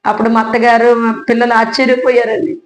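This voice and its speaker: A woman with a fairly high voice gives a heartfelt personal faith testimony. She tells her story earnestly and keeps addressing her listeners politely. Her voice rings in an echoey room. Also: level tone, fast talker. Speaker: church member giving testimony.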